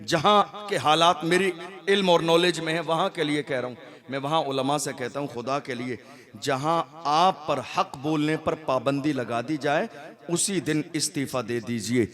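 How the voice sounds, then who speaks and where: A man giving a fiery sermon at a religious gathering. He builds rhetorical questions and repeated lists, and swings between shouting and low, hushed lines. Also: moderate pace. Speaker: Islamic preacher.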